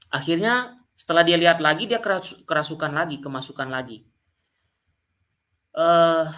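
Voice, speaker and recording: Man with a bright, forceful voice. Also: medium pitch. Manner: addresses listeners directly and often. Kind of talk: storytelling to viewers.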